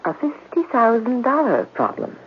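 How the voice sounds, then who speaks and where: An actress in a 1970s radio drama plays a stern, haughty woman who talks formally and looks down on others, cool and menacing in mood. Her fairly high voice swoops wildly in pitch at a moderate pace. The vintage recording sounds dull and noisy.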